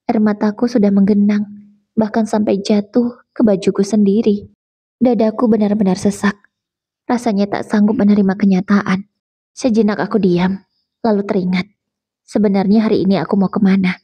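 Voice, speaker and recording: Woman narrating a sad story, husky and mellow. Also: medium pitch, steady tone, normal speed, long pauses, dull audio. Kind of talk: first-person story narration.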